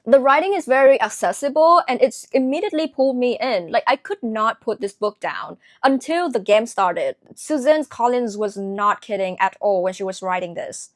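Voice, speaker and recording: A woman with a Vietnamese accent chats through her latest books in a casual vlog, earnest and reflective. Her voice sits a little high. The recording is dry and close, with no room sound. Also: lively intonation, normal speed, hardly any pauses, no room sound. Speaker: book vlogger. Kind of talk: casual book review vlog.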